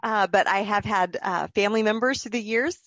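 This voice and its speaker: A woman from Missouri, a spiritual director and pastor, speaking softly as an interview guest. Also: medium pitch, brisk. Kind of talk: interview conversation. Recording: dry, dull lo-fi sound.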